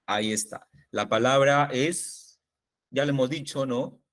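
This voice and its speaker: A man's voice: medium pitch, measured pace, fairly bright tone. A man with a Peruvian accent teaching an online spelling workshop to fellow teachers, asking questions and confirming the answers. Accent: Peruvian Spanish. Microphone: video call.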